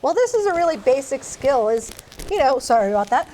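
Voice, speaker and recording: A woman's voice: high voice, big pitch swings, brisk, mellow, rough recording. A woman hosting a show in a casual, chatty way, often repeating words and restarting as she talks. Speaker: show host.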